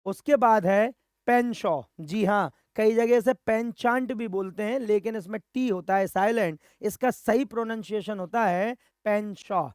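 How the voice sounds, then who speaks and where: A man's voice: high-pitched, a little slow, a little mellow, clean tone, no echo, studio quality. A man with an Indian accent teaching exam vocabulary, drilling words by repeating them and answering his own questions. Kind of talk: Hindi-English vocabulary lesson.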